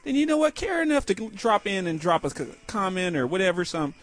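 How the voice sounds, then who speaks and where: A man's voice: sits high, fairly quick, a bit bright. A man co-hosting a podcast with casual, profane banter and an emphatic, repetitive hype-man delivery. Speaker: podcast co-host.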